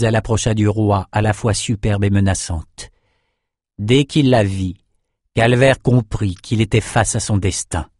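A man reading a fantasy story aloud in a steady, vivid storytelling manner. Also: on the low side, slightly rough, no room sound, studio quality. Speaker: audiobook narrator. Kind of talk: scripted narration.

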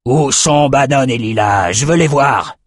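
A man's voice: mid-range voice, expressive, measured pace, no room sound, studio quality. A man doing a savage, commanding barbarian king. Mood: furious. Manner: commanding, menacing.

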